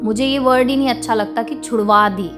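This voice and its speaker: Young woman vlogger, higher voice, outspoken and indignant rant, faint music underneath. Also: steady tone, brisk. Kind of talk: venting monologue to camera.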